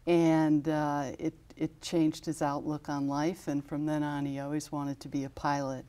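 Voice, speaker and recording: A woman's voice: sits low, flat delivery, measured pace, mellow. A woman in her fifties with an American accent, a studio interview guest who speaks steadily and informatively, with frequent fillers. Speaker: guest from an aviation safety foundation. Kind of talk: studio interview, listing honorees. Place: television studio.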